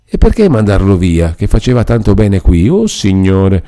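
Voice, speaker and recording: A man's voice: low voice, wildly swooping pitch, moderate pace, warm tone. A man reading aloud and voicing a distressed middle-aged peasant mother who pleads anxiously, close to tears.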